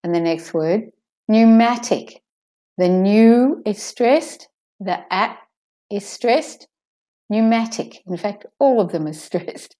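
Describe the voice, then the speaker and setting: A woman teaching pronunciation in an audio lesson, saying each word slowly and twice and marking stressed syllables. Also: medium pitch, lively intonation, mellow.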